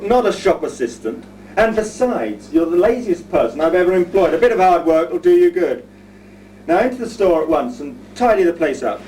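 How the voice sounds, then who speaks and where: A man's voice: high voice, a little mellow. A man playing a pompous, fussy alderman who scolds his lazy assistant, on an amateur village pantomime stage recorded from far off. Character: fussy pompous middle-aged male alderman shopkeeper. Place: pub skittle alley stage with audience. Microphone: far audience camera. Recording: distant live stage recording, background noise.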